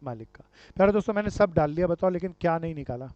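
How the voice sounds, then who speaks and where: A man's voice: on the high side, lively intonation, very fast, no room sound. A man teaching a commerce class, quizzing his students and calling them dear friends and brother. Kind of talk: classroom lecture with questions to students. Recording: dull lo-fi sound.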